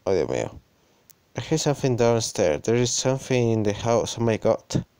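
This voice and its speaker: Mellow Spanish man reading game text. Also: medium pitch, animated, clean tone, no echo. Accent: Spain Spanish. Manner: reads lines in halting English, then translates them into Spanish; casual, muttered reactions and swearing. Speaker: gaming YouTuber. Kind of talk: let's play, reading game text aloud.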